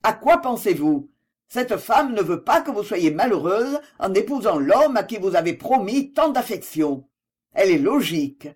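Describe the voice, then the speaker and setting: A man's voice: high voice, sing-song, normal speed, husky, heavily acted. A reader voicing a bitter, jealous man in an audiobook, speaking sharply and sarcastically in a raised, strained voice. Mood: angry. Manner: sharp, sarcastic and pleading by turns. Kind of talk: audiobook dialogue reading.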